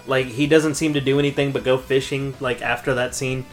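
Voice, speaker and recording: A man's voice: medium pitch, little pitch movement, fairly quick, faint music behind. A man in his thirties co-hosting a podcast, chatting casually about a movie, laid-back and profane, often laughing. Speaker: podcast co-host.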